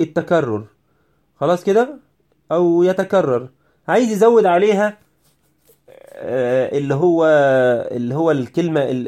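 An Egyptian teacher with a somewhat high-pitched voice walks students through English spelling rules. He repeats himself often, keeps asking whether they follow, and urges them to stay focused. It sounds like a recorded lesson. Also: warm tone. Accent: Egyptian Arabic. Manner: repetitive, checks understanding with "right?".

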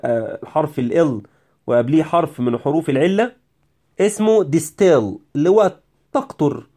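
A man's voice: fairly high pitch, dark tone. A man with an Egyptian Arabic accent giving a recorded English spelling lesson, often checking "right?" with his students and urging them to focus. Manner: repetitive, checks understanding with "right?"; prays for and urges students. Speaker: English teacher.

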